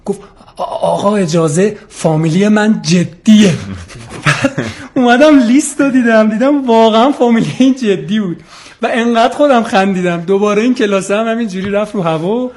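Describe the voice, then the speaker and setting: High pitched guy telling a funny teacher story, acts out the lines. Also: a little mellow, slight background noise. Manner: storytelling, acting out classroom dialogue. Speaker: teacher and humor writer, contest winner. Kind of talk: comic anecdote.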